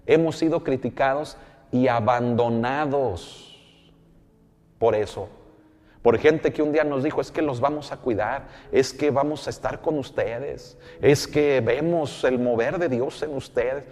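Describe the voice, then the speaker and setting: A Mexican pastor preaching with emphasis, his mid-pitched male voice ringing with a long, lingering reverb. He keeps turning to his listeners as brother, pressing each point home. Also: measured pace, a little mellow. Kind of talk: sermon.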